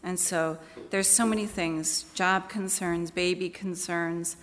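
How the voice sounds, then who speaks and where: In a large church meeting hall, a woman church leader talks to her congregation in a plain, conversational way during announcements and prayer. Her voice is lowish, steady, slow, and a bit bright. The echoey hall gives the recording a long reverb.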